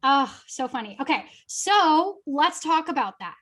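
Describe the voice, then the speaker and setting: A woman's voice: high voice, very animated, a little slow, a bit bright. A young adult woman, a guest social media coach, giving upbeat, chatty webinar advice with lots of fillers.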